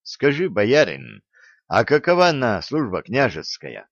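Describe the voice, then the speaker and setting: A man voicing a skeptical, quick-witted wandering hero in an audiobook, pressing with questions. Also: medium pitch, wildly swooping pitch, dry recording, muffled recording, full character voice. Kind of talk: audiobook character reading.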